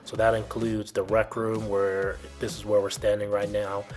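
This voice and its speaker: A man with a fairly low voice narrates a walkthrough video as a builder's guide. His delivery is fairly even, plain and instructive, with informal phrasing. Music plays clearly behind him. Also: normal speed. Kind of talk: explanatory video tour narration.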